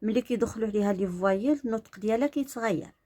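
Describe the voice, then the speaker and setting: A woman with a Moroccan Arabic accent teaching beginner French reading. She explains in Darija and sounds out syllables slowly and deliberately. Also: on the high side, dark tone.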